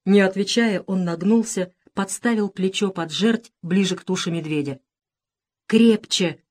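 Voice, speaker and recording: A woman narrating an audiobook story, dramatic and lively, lifting her voice for shouted lines. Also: normal speed. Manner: dramatic, raising pitch and volume for shouted dialogue.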